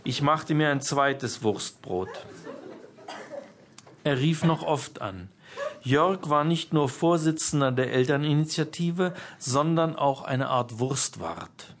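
Male author-narrator, humorous audiobook, dry amused delivery, slightly high voice. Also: takes it slowly, slight background noise. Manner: wry, amused storytelling. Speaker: author reading his own book.

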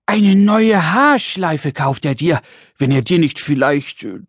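A man voicing a tiny, excitable and impatient pink male creature in a children's audiobook, chattering nonstop in a whiny, fussy way. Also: a little high, slow, breathy edge, dry recording, clean studio sound, full character voice.

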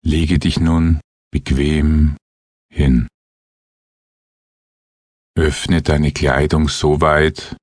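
A man guiding a relaxation meditation in a soft, hushed, husky voice, with gentle unhurried instructions and long pauses. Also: rumbling low, no echo, clean studio sound. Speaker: guided meditation narrator. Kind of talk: guided relaxation meditation, slow and soothing.

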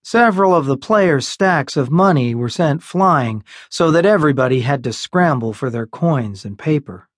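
A man narrating an audiobook in a measured, unhurried storytelling manner, recorded close on a studio mic. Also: on the high side, animated, dry recording. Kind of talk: scripted narration.

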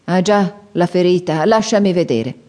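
A woman voicing a loud, bitter, mocking older father who scolds and sighs, in an audiobook reading. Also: moderate pace, lightly acted. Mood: gruff, scolding. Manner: booming, scolding, sighing.

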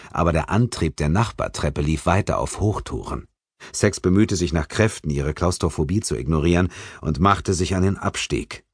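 A man narrating a thriller audiobook in a measured, tense way. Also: low voice, husky, no room sound, clean studio sound. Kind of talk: scripted narration.

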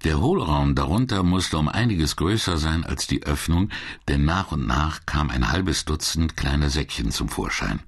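A man narrating a classic crime audiobook in a measured, expressive reading style. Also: very deep voice, slightly rough. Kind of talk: scripted narration.

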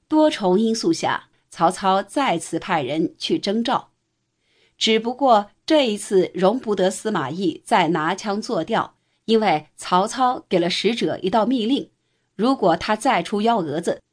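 A woman narrating a nonfiction history audiobook in a steady, even reading voice. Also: mid-range voice.

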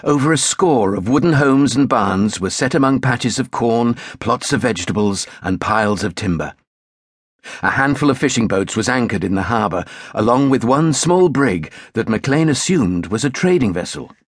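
A man narrating a historical novel in a steady, measured storytelling manner. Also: mid-range voice, husky, no room sound, studio quality. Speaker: audiobook narrator.

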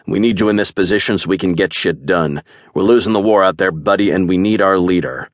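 A man voicing a blunt, wry male warrior with a forceful way of talking. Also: sits low, expressive, normal speed, no echo, clean studio sound. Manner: blunt, snorting.

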